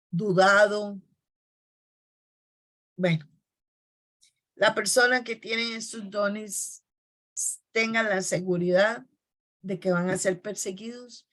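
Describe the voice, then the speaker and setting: A woman preacher giving a sermon, telling personal stories in a soft storytelling manner and slowing down on key phrases. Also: mid-range voice.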